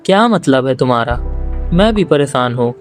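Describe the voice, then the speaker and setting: A man's voice: mid-range voice, animated, normal speed, faint music behind, lightly acted. A man voicing Nari, an outspoken teenage schoolgirl who presses with worried questions, in a story recap. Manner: insistent questioning.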